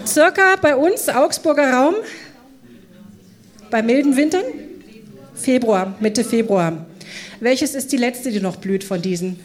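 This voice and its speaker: A woman preaching a sermon at a church service, asking the congregation questions and drawing them into the talk. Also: a little high. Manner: engaging, asks the congregation questions.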